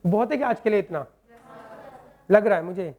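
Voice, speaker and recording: A man teaching a maths lesson to a class in speech, quizzing students with quick questions and joking with them. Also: high-pitched, lo-fi sound.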